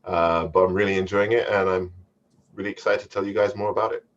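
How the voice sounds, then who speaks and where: A man's voice: deep voice, level tone, fast talker, highs cut off. A man from the UK introducing himself modestly as a newcomer, with loose fillers. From United Kingdom. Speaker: panelist, 3D artist. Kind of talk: casual self-introduction.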